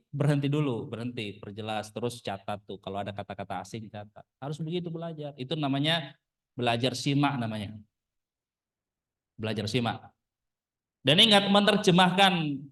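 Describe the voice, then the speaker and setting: Heard on a distant mic, a religious teacher in his thirties speaks with a slightly bright voice on the high side. As an Arabic ustadz leading a casual lesson, he peppers the brothers he's addressing with rhetorical questions.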